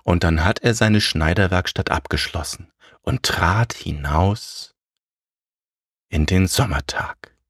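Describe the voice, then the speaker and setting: A man telling a fairy tale aloud in a lively, playful storytelling way. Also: low-pitched, slow pace, slightly rough, no room sound, studio quality.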